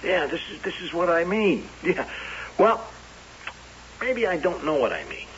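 In a hissy, dull old 1970s radio drama, an actor plays a nervous carnival worker who halts and stammers uneasily. His voice is a little high, sing-song and fairly bright.

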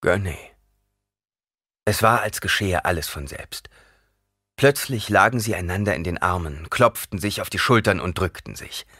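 A man reading an audiobook aloud in an expressive, dramatic narration. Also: deep voice, normal speed, breathy edge, no echo, studio quality. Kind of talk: scripted narration.

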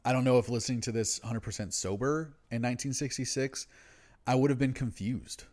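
A man co-hosting a podcast, casually discussing music in a laid-back, slangy, sweary stoner manner, as someone who is habitually high. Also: steady tone, brisk, darkish tone. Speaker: podcast co-host.

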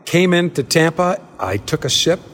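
A man's voice: on the high side, lively intonation, normal speed, fairly bright tone, long reverb tail. A man hosting a travel show, interviewing a guest in a large tasting room and telling stories as he asks questions. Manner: chatty, storytelling interviewer. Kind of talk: hosted interview.

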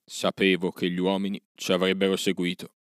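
A man's voice: low voice, monotone, a little fast, clear, resonant tone, no echo, studio quality, close to an everyday voice. A man voicing a proud old wolf, a former pack leader, with a growling, self-satisfied manner.

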